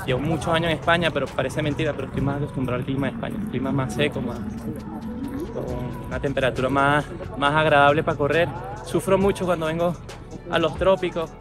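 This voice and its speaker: A man from Caracas, a triathlete, talking haltingly and repeating himself at an outdoor stadium. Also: on the high side, fairly even intonation. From Caracas, Venezuela. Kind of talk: casual chat. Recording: music behind.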